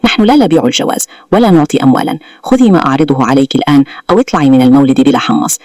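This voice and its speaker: A man voicing a cunning, cold-blooded lawyer who talks with smug, coolly mocking calm, in a storybook-style retelling. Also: fairly high pitch, very fast, dry recording, studio quality. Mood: smug, scheming.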